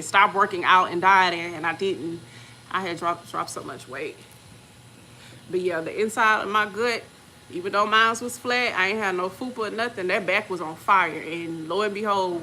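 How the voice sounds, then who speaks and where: Bright-voiced woman telling a story casually. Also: a little hiss or hum, rough recording. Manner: animated, acts out quoted voices with big pitch jumps. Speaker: channel host.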